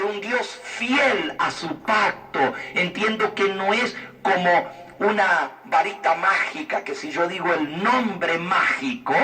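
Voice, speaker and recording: A man's voice: fairly high pitch, bright, forceful tone, recorded from a distance. A man teaching the Bible, answering a viewer's question in an earnest, persuasive way and asking rhetorical questions. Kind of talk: explanatory religious talk.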